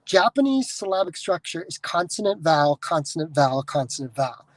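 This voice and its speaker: A man's voice: on the high side, big pitch swings, a little fast, no room sound, rough recording. A man from the United States hosting a podcast, talking in a casual, rambling monologue full of restarts and swearing. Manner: digressive, swears freely, many restarts. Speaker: podcast host.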